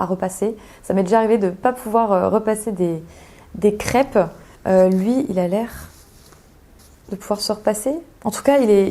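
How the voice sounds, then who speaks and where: Young woman rambling about sewing stuff, lots of ums, soft mellow tone. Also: mid-range voice. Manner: chatty, hesitant, thinking aloud while touching fabrics. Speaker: sewing vlogger. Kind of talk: casual chat.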